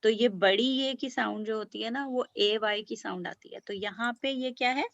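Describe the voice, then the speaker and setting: A woman's voice: a little high, moderate pace, vocal fry, dry recording, muffled recording. A woman teaching beginner language to children, patiently sounding out letters and praising often. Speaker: Urdu teacher.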